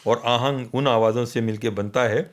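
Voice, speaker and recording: A man's voice: mid-range voice, fairly even intonation. Patient man teaching poetic meter. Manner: patient, counts syllables aloud and checks understanding. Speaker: poetry teacher explaining meter. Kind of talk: radio teaching conversation.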